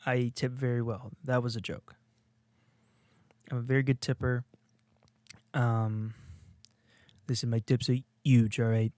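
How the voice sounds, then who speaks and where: A young man who co-hosts a podcast delivers a casual comedic monologue off the cuff, rambling, mocking himself, and restarting sentences constantly. His voice is ordinary middle pitch with a darkish tone, a level delivery, a measured pace, and frequent pauses. The recording is dry and close, with no room sound.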